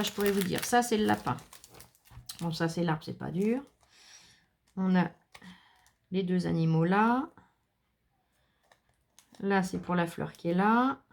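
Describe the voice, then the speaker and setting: A woman's voice: medium pitch, creaky. Chatty French woman unboxing craft supplies. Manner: chatty, enthusiastic, addresses viewers directly. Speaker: craft vlogger. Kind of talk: casual unboxing chat.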